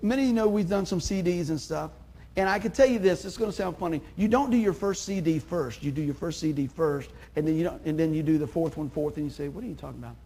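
A middle-aged man preaches with a husky, raspy edge and a voice that sits high for a man. He talks in a chatty, animated way, slipping into little acted-out quotes. He often laughs at his own slips. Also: fast. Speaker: pastor. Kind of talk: sermon.

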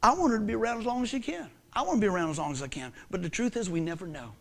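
A man preaching a sermon, swinging from hushed lines to shouted ones. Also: high voice, animated, racing, creaky. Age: 50s. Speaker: pastor.

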